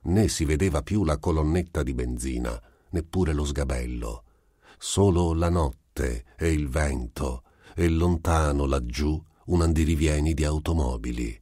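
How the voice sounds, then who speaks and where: A man narrates a literary short story in an extremely deep, husky voice. He reads slowly and deliberately, and the home recording sounds dry and close. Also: warm tone, dry recording. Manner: measured, deliberate reading. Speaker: audiobook reader.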